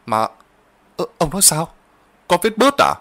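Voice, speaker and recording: A man's voice: a little high, huge pitch swings, measured pace, a bit bright, pitched above the performer's own voice, exaggerated voice. A man voicing a timid young male servant who speaks politely and hesitantly, stammering when frightened. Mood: scared hesitant.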